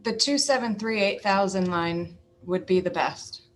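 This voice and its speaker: A woman with a medium-pitched voice explains procedures on a conference call, with faint noise behind her. Her delivery is matter-of-fact, like an official answering questions. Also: unhurried.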